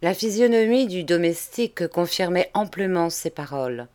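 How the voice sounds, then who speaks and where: A woman reading a classic novel aloud in a measured, deliberate audiobook narration. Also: fairly low pitch, lively intonation, a little mellow. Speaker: audiobook reader.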